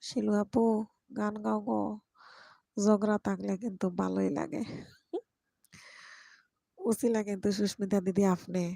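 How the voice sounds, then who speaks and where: A woman's voice: medium pitch, steady tone, a little slow, creaky, pauses often, dark tone, no room sound. A woman hosting a casual live stream from home at night, chatting with viewers, greeting and teasing them by name into her microphone. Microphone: microphone, speaking softly at times.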